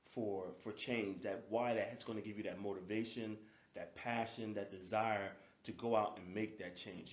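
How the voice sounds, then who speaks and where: A man's voice: fairly low pitch, a little mellow. Male life coach, punchy and repetitive, recorded in a roomy space on a dull lo-fi track. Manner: emphatic, repetitive, informal. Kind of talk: motivational webinar lecture.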